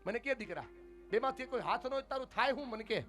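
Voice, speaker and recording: A man giving a motivational speech to parents and pupils, dropping to a hush and then rising loud. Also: very high-pitched, expressive, quick pace, faint music behind. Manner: dramatic, swings from hushed to loud, addresses parents and pupils directly. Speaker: motivational speaker at a school event. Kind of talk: motivational speech with acted-out stories.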